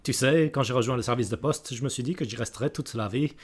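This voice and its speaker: A man's voice: mid-range voice, fast talker, slightly rough, lightly acted. A man voicing a chatty, good-natured ghostly male bear postman with a put-on mix of Belgian and northern French accents, rambling like a folksy storyteller. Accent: mixed Belgian and northern French put-on. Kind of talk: improvised game character voice.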